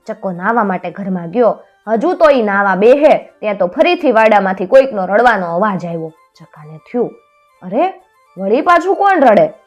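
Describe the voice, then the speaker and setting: A woman narrating a children's folk tale in a soft, unhurried way. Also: mid-range voice, expressive, lo-fi sound, soft background music. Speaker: storyteller.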